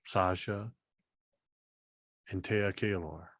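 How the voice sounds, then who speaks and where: A man runs a tabletop game as its game master, narrating in a very low voice. He takes his time between phrases, and the sound is dry and close. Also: fairly even intonation, very slow, a bit bright, dry recording.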